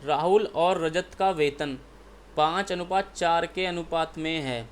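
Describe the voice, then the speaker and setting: Speaking a little slowly at a fairly high pitch, a male maths teacher from India takes exam problems step by step. He asks questions, answers them himself, and frequently checks in with "ठीक है." Slight background noise is present.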